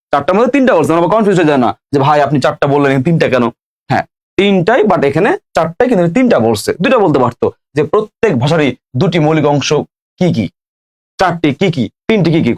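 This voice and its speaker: A young man teaching a live online grammar class, repeating each question and answer as he quizzes students. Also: fairly high pitch.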